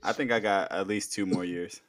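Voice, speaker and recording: A man's voice: low-pitched, steady tone, fairly quick, fairly bright tone, dry recording, studio quality. A man in his thirties co-hosting a casual sports podcast, laid-back and slangy, often trailing off. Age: 30s. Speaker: podcast co-host.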